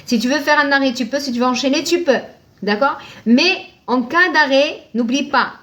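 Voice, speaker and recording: A woman's voice: high voice, normal speed, a bit bright. A woman teaching Arabic reading live online, patient, posing questions and answering them herself, thanking viewers by name.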